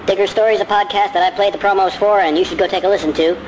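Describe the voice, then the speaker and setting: A podcast host's voice sped up into a high, squeaky chipmunk pitch, belonging to a man who rambles and keeps correcting himself. Steady noise from traffic and the street sits under the whole recording. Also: very fast. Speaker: podcast host. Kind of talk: casual podcast monologue.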